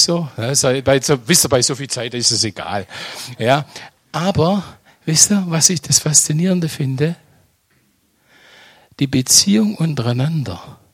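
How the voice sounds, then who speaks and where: An older man preaching a sermon, swinging between loud emphatic exclamations and soft hushed lines, often asking the congregation direct questions. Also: on the high side, slightly rough, no echo, clean studio sound.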